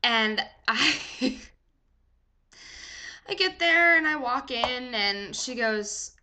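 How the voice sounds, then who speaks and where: A young woman telling a story in a chatty, animated vlog, full of "like" fillers. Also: on the high side, extremely slow. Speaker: vlogger.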